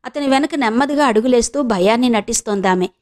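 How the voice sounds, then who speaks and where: Woman audio novel narrator from Andhra Pradesh, steady delivery, pitched slightly high. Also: quick pace. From Andhra Pradesh, India. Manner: steady storytelling.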